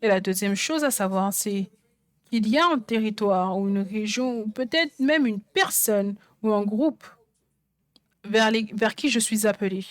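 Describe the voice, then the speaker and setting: A woman preacher with a medium-pitched, slightly slow voice delivers a sermon in a dry recording. Her voice suggests a songwriter talking about her own songs, and she speaks emphatically, repeating phrases for stress.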